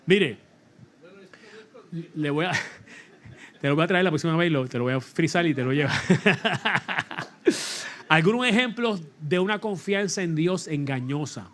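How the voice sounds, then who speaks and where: A middle-aged man, preaching a lively sermon in a church, laughing often and calling for the congregation to repeat after him. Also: a little high. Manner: animated preaching with laughter and call-and-response. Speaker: pastor. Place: church sanctuary.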